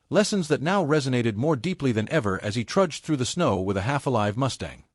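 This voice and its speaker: Male storyteller, lively intonation, dramatic scripted read, dry close sound. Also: medium pitch, no echo. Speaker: narrator.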